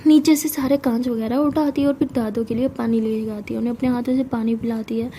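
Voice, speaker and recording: Woman storyteller, casual narration, high voice, mellow tone. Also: fairly even intonation, fast, slight background noise. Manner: chatty, conversational.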